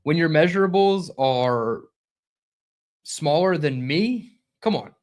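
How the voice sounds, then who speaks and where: A young man hosting a live-streamed sports reaction show, talking fast and conversationally and reading out chat comments. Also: fairly high pitch, animated. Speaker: podcast host.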